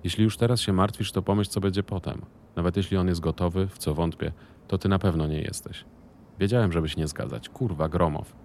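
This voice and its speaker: A man voicing a cocky, short-tempered male business partner who talks loudly and mockingly and swears. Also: deep voice, fairly even intonation, a little fast, vocal fry, a little hiss or hum. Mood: irritated.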